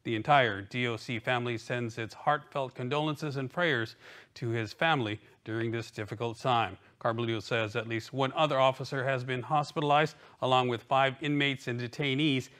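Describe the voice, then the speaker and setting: A man's voice: mid-range voice, fairly even intonation, moderate pace, fairly bright tone. A man reading scripted local television news as an anchor.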